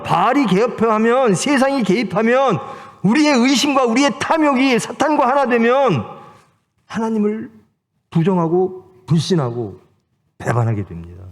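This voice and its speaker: High, lively Korean pastor preaching. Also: male voice. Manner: emphatic, rhetorical questions and exhortation. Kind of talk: sermon. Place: church sanctuary. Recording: long church hall reverb.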